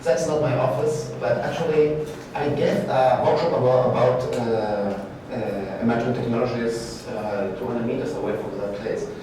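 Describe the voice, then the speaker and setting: Man, halting presenter, big echoey brick room, distant mic. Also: mid-range voice, fairly even intonation, background noise. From Peru. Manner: halting, searching for words, self-correcting. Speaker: guest speaker, art faculty lecturer. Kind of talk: conference presentation. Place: large brick-walled event room, indoors. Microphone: far room camera, no mic.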